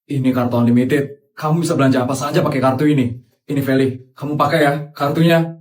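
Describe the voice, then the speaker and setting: A man voicing a generous, kindly uncle in a cartoon, speaking gently and reassuringly. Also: mid-range voice, steady tone, quick pace, lightly acted. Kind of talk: cartoon voice acting.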